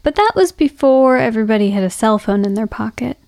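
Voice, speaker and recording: Mellow, higher-voiced woman podcast host. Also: lively intonation, vocal fry, no room sound. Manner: measured, reflective delivery. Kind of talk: scripted podcast narration.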